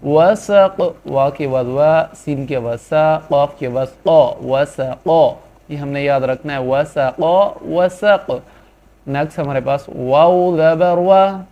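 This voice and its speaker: A man teaching a reading lesson, drawing out each syllable slowly, then adding quick, quieter explanations. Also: a little high. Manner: drawn-out syllables between quick asides. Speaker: Quran reading tutor. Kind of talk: slow spelled-out recitation lesson. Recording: dull lo-fi sound.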